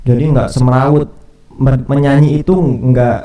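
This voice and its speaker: Man explaining a singing lesson, dark roomy sound. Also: mid-range voice, level tone, unhurried, recorded from a distance. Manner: casual explaining with fillers and restarts. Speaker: music teacher. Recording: roomy echo, voice off from the mic.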